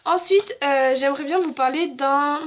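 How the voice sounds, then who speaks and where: A young woman with a high voice chats casually at a normal pace as a beauty vlogger in a haul and swatch video, using lots of fillers and restarts. The audio sounds dull.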